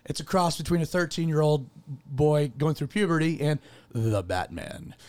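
A man hosts a radio show as a pastor, talking casually and good-humouredly, rambling with fillers. He has lost his voice, so it cracks. His voice is fairly high and darkish, at a moderate pace, through a studio microphone.

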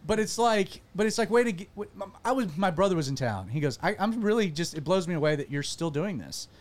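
A pastor who also hosts a podcast talks high and fast, chatting casually with a panel on a talk show. He's animated and self-deprecating, frequently restarting his sentences.

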